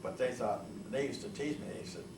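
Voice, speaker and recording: Speaking briskly in a mid-range voice, this elderly veteran looks back on his life in an oral history interview. Italian was his childhood home language. He wanders and falters, often starting over, captured by a distant mic in a noisy, echoing room.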